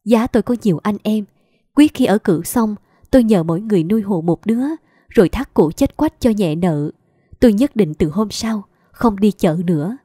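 A woman's voice: medium pitch, lively intonation, moderate pace, warm tone, slightly rough, dry recording, clean studio sound. Plaintive woman telling a story. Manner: plaintive, lamenting. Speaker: audiobook narrator. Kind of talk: first-person storytelling.

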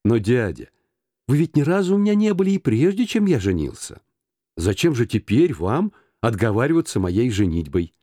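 A man's voice: medium pitch, sing-song, moderate pace, mellow, dry recording. A man voicing a cheerful, earnest young man who pleads eagerly with his uncle, in a dry audiobook reading.

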